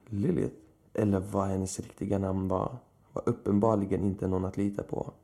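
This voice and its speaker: A man narrating a horror story in a slow, measured way. His voice is low and heavily gravelly, with a dark, muffled tone that suits the dread of the tale. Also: little pitch movement.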